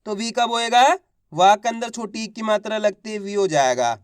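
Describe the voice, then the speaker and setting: A man teaching children to spell, sounding out each syllable slowly, asking questions and answering them himself, and calling viewers friends. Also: high voice, lively intonation, smooth, no echo, clean studio sound. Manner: drawn-out syllables, asks then answers himself; patient, repetitive, addresses viewers as friends. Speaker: Hindi writing teacher. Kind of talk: step-by-step spelling lesson.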